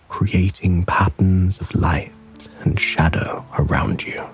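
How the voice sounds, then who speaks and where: In a calm, gentle, soft and breathy voice that sits low, a man narrates a soothing sleep story and guided relaxation.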